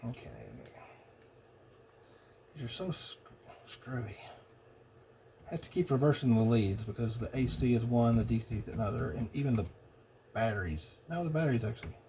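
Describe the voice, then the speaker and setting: A hobbyist mutters and ponders to himself in a halting, casual way while testing electronics at a cluttered indoor workbench. His medium-pitched voice is mellow yet animated. An old phone mounted above the bench serves as the camera, so the workshop recording is noisy.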